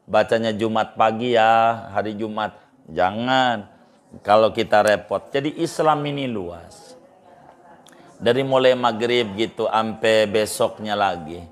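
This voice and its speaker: A middle-aged Islamic cleric gives informal religious advice at a slow pace. He repeats phrases for emphasis and jumps in pitch.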